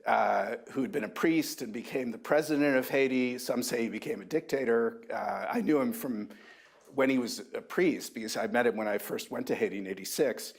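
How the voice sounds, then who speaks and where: A man in his sixties, an author at a university book talk, reminiscing thoughtfully with halting restarts. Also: mid-range voice, vocal fry, husky. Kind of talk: reflective anecdotal talk.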